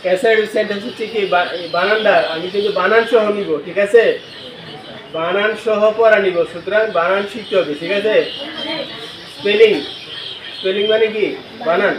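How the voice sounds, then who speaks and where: Steady in tone and at normal speed, a male teacher with a high voice leaves long pauses while leading a call-and-response lesson. He questions his class and spells words letter by letter; the echoey classroom is recorded from a distance with background noise.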